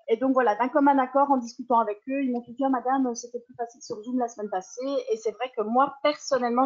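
A woman, a primary school teacher, explaining her online lessons in a webinar, with a lively manner and frequent restarts. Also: fairly high pitch. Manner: lively, explanatory, self-correcting. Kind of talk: webinar presentation. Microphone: video call. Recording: dull lo-fi online call audio.

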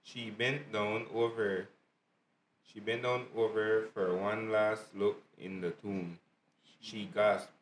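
A man reads a Bible story aloud, slow and measured, his voice on the low side. He sits back from the mic in an echoey room with a faint hum of ambience behind. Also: little pitch movement. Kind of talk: read-aloud scripture narration.

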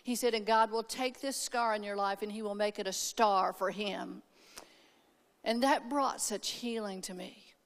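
A woman's voice: mid-range voice, steady tone, unhurried. A woman preaching at a women's conference, telling a personal story with emphasis and calling out for amens. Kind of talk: sermon. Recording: hall reverb.

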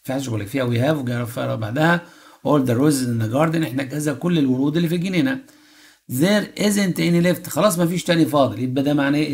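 A man's voice: mid-range voice, gravelly. Egyptian man teaching English phrasal verbs. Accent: Egyptian Arabic. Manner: reads English sentences slowly, then translates quickly; asks rhetorical questions and checks in with "okay?". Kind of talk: exam-prep lesson explaining English phrasal verbs.

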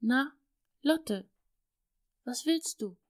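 A woman's voice: high voice, lively intonation, drawn-out words, pitched above the performer's own voice, full character voice. A woman voicing a father, a doctor who speaks firmly to his little daughter with a fond undertone. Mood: gentle. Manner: firm, then gently teasing. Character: father, a stern but loving doctor.

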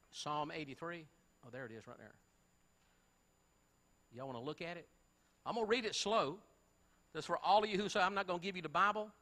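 A man preaches emphatically from the pulpit, firing rhetorical questions at the congregation. His voice sits high and comes across sharp and forceful. It rings out with a long reverb through the church. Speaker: pastor. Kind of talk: sermon. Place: church sanctuary.

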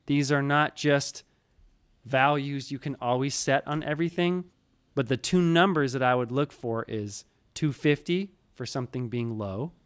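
Teaching from his small home studio, a thirties-aged audio engineer talks through settings in a relaxed, explanatory way for a screen-recorded tutorial. He wears headphones, the studio mic sits in frame, and his average male pitch comes across clean and close.

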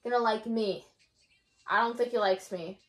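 Young woman with a higher-pitched voice. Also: steady tone, normal speed, a bit bright. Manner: repeats phrases to a partner who can't hear. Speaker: challenge video participant. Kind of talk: casual playful banter in a lip-reading game. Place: small bedroom, indoors.

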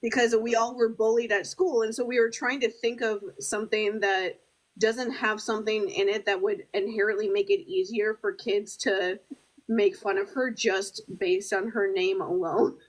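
A woman's voice: mid-range voice, flat delivery, moderate pace, low-quality recording. A woman co-hosting a podcast in casual chat, giggly and leaning heavily on "like". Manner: giggly, heavy use of "like". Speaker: podcast co-host.

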